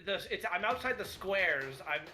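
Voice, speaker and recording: A man's voice: high-pitched, lively intonation, moderate pace, over music. A man playing a tabletop game, hesitant and thinking aloud as he plans his moves. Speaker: player. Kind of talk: casual tabletop play.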